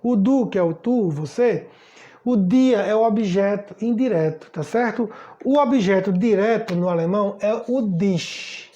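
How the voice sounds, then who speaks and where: A man's voice: high voice, measured pace, mellow. Chatty man teaching German. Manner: chatty, repeats "tá certo?", stumbles and repeats words. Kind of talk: casual spoken lesson. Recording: slightly dull lo-fi sound.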